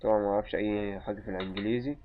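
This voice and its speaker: Egyptian man, lowish voice, running let's-play chatter with sudden yelps, muffled lo-fi sound. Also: steady tone, rapid-fire, background noise. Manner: mutters to himself, bursts into yelps when startled. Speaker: gaming channel host. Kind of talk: live let's-play commentary. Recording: muffled lo-fi recording with faint game music.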